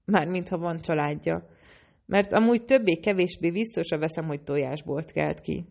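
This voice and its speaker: Woman narrator doing a joking young hacker, deep and gravelly, audiobook. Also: a little mellow. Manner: joking, talks with mouth full. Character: wisecracking young man hacker.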